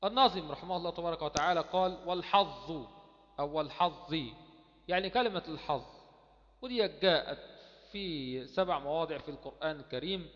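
A man with an Egyptian Arabic accent and a fairly high voice teaches recitation in a patient lecture. He repeats key words and poses questions that he then answers himself. The recording is dull and lo-fi, with a long reverb tail from a large hall. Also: quick pace, fairly bright tone. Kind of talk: explanatory lecture.

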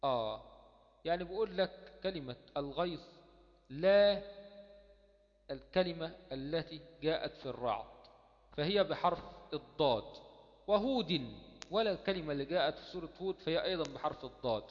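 A man with an Egyptian Arabic accent and a fairly high voice teaches recitation in a patient lecture. He repeats key words and poses questions that he then answers himself. The recording is dull and lo-fi, with a long reverb tail from a large hall. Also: lively intonation, moderate pace. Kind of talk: explanatory lecture.

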